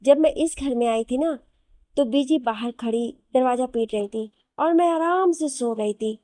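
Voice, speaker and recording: Motherly middle-aged mother-in-law, read by a woman narrator in an audio story, fond but stern, mellow tone, dry booth. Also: high-pitched, unhurried, no echo. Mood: affectionate. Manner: motherly and scolding by turns. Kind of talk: Hindi audio novel reading.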